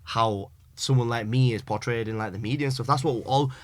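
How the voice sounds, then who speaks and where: Speaking briskly at medium pitch, this young wrestler from Pakistan is a guest on a casual podcast. He wanders from point to point, packing his speech with filler words and British slang.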